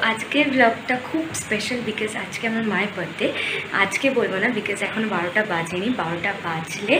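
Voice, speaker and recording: A young woman, talking softly in a casual home vlog, mixing English into her speech. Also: medium pitch. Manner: hushed, mixing English into Bengali. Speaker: vlogger. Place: home at night. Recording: echoey room with background noise.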